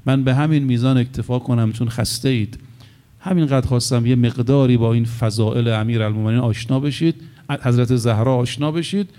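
A middle-aged man preaching a sermon with emphasis, often repeating his key phrases. He slows down deliberately whenever he recites Arabic texts. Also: mid-range voice, warm tone. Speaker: cleric preacher.

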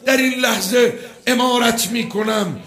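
A man's voice: very high voice, fairly bright tone, voice pushed up. A man acting out a cruel, scornful enemy army commander who barks orders and insults his men. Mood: commanding. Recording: echoey hall with faint music.

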